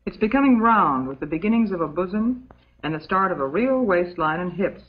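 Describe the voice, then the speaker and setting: An actress with a lowish American voice, close to how she'd normally speak, portrays a calm, motherly substitute teacher. Her scripted lesson for an old educational film is measured, prim, patient and instructive, and the sound is dull and muffled.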